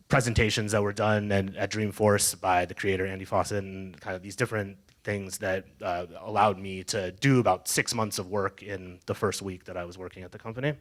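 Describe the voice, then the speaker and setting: A man's voice: lowish voice, little pitch movement, moderate pace. A man on a developer panel, telling how he learned his craft in a hedging way, full of fillers. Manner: hedging, many "kind of" and "uh". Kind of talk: casual personal story at a panel. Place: meetup event room.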